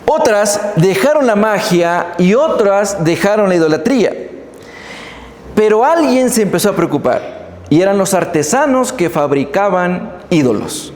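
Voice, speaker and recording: A man preaching a sermon in a church, telling the story with animated emphasis and speaking straight to the congregation. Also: sits high, unhurried. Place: church hall. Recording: echoey church hall.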